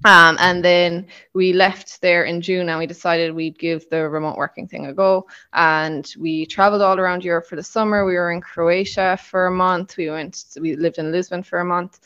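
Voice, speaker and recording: A woman in her late twenties with a Kerry accent from south-west Ireland chats casually as a podcast guest. Her voice is lowish, bright and forceful, with a steady, clean tone, and she speaks at a moderate pace with few pauses. The audio itself sounds dull.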